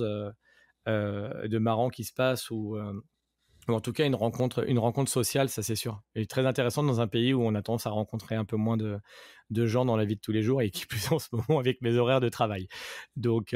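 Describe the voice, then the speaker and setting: A man's voice: mid-range voice, a little mellow, no echo, clean studio sound. A man who works as a private tour guide, telling anecdotes in a casual interview, with lots of fillers and restarts. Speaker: private tour guide and travel agency manager.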